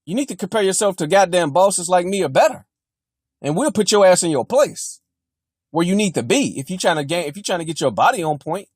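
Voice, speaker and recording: A young man tears into his viewers in a blunt, mocking rant, swearing nearly every line. His voice sits high for a man. The sound is dry and close, with no room around it. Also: expressive, fairly quick, slightly rough, no echo. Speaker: fitness vlogger. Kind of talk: profane motivational rant.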